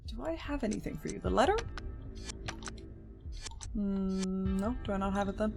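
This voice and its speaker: Over game music, a young woman streamer chats casually with viewers as she plays, reading chat and giving wry, rambling commentary. Her mid-range voice has vocal fry and a moderate pace, and she keeps correcting herself and restarting sentences.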